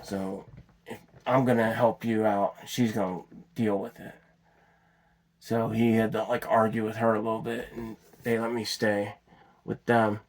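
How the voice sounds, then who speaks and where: A man's voice: fairly low pitch, flat delivery, a little slow. A man telling a long personal story off the cuff, rambling, restarting and swearing as he goes. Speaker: vlogger telling his story.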